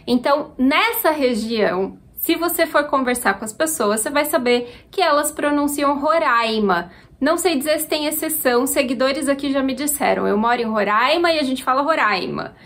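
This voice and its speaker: A woman from Brazil with a Minas Gerais accent, explaining Portuguese grammar clearly as a teacher answering viewer questions. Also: high voice, normal speed, hardly any pauses, fairly bright tone.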